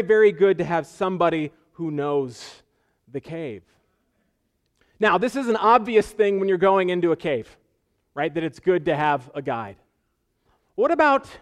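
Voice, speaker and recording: A man's voice: sits high, smooth. A man preaching a sermon as pastor, earnest, repeating phrases for emphasis and asking rhetorical questions.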